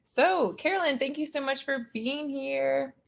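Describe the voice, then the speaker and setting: A woman's voice: sits high, measured pace, gravelly. A woman in her twenties from Utah, a grad student hosting a podcast, chatty and gushing toward her guest. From Utah, United States. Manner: warm, gushing, chatty with fillers. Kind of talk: casual podcast interview.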